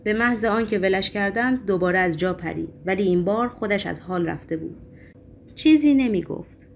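A woman's voice: medium pitch, a little hiss or hum. Woman narrating a dramatic audiobook.

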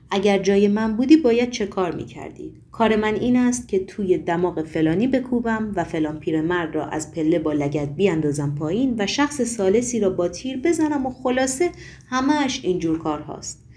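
A woman voicing a blunt, impatient male demon henchman in an audiobook, speaking in a low, curt, dry manner. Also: lively intonation, warm tone, a little hiss or hum, close to an everyday voice. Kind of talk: audiobook reading.

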